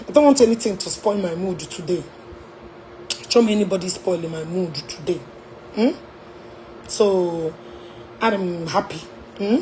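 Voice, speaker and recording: A Nigerian woman with an Igbo-tinged accent chatting on a casual livestream from a hotel room, animated and laughing, mixing English and Igbo. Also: medium pitch, a little hiss or hum. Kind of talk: casual live-stream chat.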